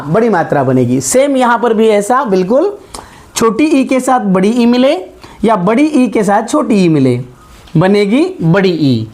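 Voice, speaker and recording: A woman teaching a grammar lesson, stretching out sounds and often checking that students follow. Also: medium pitch. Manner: slow, drawn-out vowels, frequent check-ins. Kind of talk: classroom lesson at a board.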